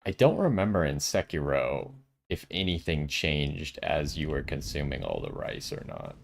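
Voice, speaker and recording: A man's voice: rumbling low, big pitch swings, normal speed, creaky. A man giving casual gameplay commentary, thinking aloud and asking himself questions as he goes. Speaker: gaming video host.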